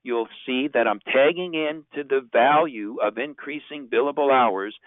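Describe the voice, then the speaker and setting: A man teaches in the style of a sales trainer, informal and emphatic, with rhetorical questions. His pitch is average, and the recording is narrow like a phone, with very little room. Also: normal speed, no room sound. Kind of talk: instructional presentation. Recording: narrow phone-like sound, very dry.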